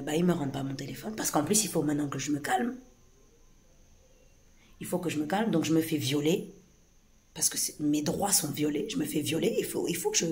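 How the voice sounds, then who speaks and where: A woman with a low, hoarse voice speaks straight to camera in a loose, unscripted way. She stumbles and restarts often, repeating words as she pushes through an agitated account. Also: mellow. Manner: agitated, hesitant, many restarts and fillers. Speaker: vlogger recounting a police incident. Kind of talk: casual spoken account to camera.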